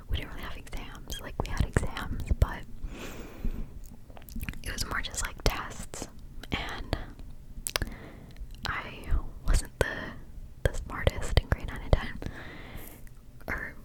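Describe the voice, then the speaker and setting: A young adult woman whispering softly and breathily right into the listener's ears, chatting casually and confidingly in an ASMR style. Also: poor audio. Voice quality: soft, breathy, unvoiced whisper. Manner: informal, rambling, confiding. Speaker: ASMR creator. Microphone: close-up ear-to-ear stereo microphone.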